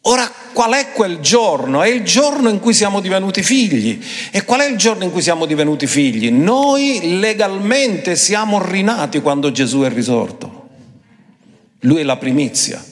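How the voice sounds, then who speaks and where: A man's voice: sits high, sing-song. Emphatic preacher man in a reverberant hall. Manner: emphatic, shifting between quick and drawn-out phrases. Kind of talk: sermon.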